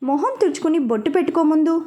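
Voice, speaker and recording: A woman's voice: high-pitched, animated, fast talker, warm tone. A woman voicing a caring, firm woman who comforts and questions a crying friend.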